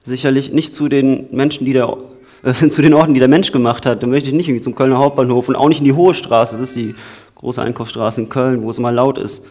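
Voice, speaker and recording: A man from the Cologne area, giving an informal sermon in a conversational way, moving between lively storytelling and quiet earnestness. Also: mid-range voice, fast talker. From Cologne area, Germany. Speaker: preacher.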